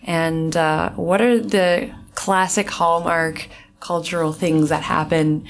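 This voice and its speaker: A woman hosting a radio talk show, with a low, gravelly voice. She asks questions in a friendly, inviting way and leads smoothly into each segment. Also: fairly even intonation, slow pace. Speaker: radio host.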